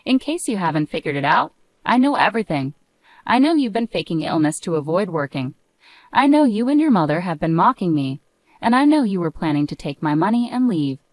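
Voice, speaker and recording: A woman's voice: lowish voice, sing-song, brisk, dry recording. A woman voicing a young wife reading out a cool, defiant farewell letter in a story.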